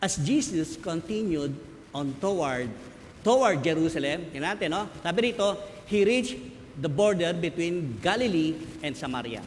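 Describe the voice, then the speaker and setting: A man with a Filipino accent preaching a sermon, emphatic, swinging between loud stresses and quiet asides. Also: a little high, expressive, moderate pace, slight background noise. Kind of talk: Taglish sermon. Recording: hall reverb, faint ambience.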